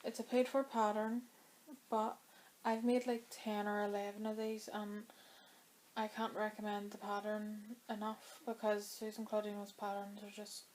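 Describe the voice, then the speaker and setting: She's vlogging about knitting, rambling chattily with many fillers while a cold starts drying out her throat. Her voice is mid-range and slightly mellow, with a bit of hiss or hum in the recording.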